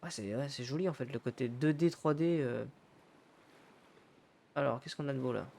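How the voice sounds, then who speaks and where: A man's voice: mid-range voice, moderate pace, gravelly, warm tone. A man giving casual let's-play commentary, thinking aloud, swearing casually and loosely paraphrasing the game's dialogue. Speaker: gaming YouTuber.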